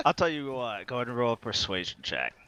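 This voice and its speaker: A man's voice: medium pitch, very animated, bright, forceful tone, a little hiss or hum. A man running a tabletop game as game master, narrating and voicing a shopkeeper with lots of fillers and laughs. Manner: halting, filler-heavy, laughs often.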